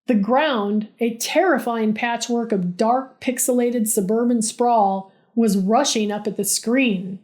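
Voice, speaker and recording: Woman storyteller, higher voice, sarcastic deadpan comic read. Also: slow, hardly any pauses. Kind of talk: scripted story narration.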